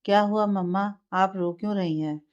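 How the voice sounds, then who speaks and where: A sweet, innocent little boy, coaxing and gentle, as a woman storyteller puts him on in a middle-pitched voice. The recording is slightly muffled and lo-fi. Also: steady tone, normal speed, lightly acted.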